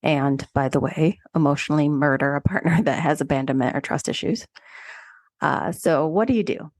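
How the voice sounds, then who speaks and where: Podcast co-host, woman with a lowish voice, frank advice-giver, dry close-mic sound. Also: normal speed, no echo. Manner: direct, conversational advice with emphatic asides. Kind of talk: solo relationship advice segment.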